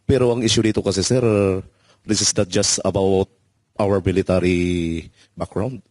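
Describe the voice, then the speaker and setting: Male ex-marine, very low voice, earnest statement, dry. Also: fairly even intonation, normal speed, darkish tone, dry recording. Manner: earnest, says "sir" often. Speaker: former marine. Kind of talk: statement in an interview.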